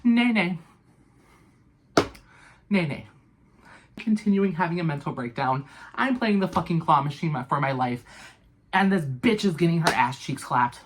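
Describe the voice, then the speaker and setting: A young woman with a notably low voice, telling a wild storytime in a loose, profane, dramatic way. She piles on fillers and asides as she goes. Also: animated, normal speed, slight background noise. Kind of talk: casual storytime.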